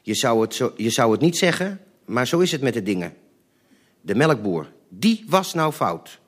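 A man's voice: mid-range voice, very animated, normal speed. Smug middle-aged neighbor man, self-assured and lecturing, in a spoken memoir, read by a man.

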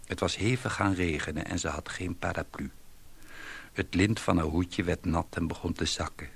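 A man reading a story aloud in a slow, deliberate, wry way. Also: sits low, fairly even intonation, gravelly, breathy edge. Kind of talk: scripted story narration.

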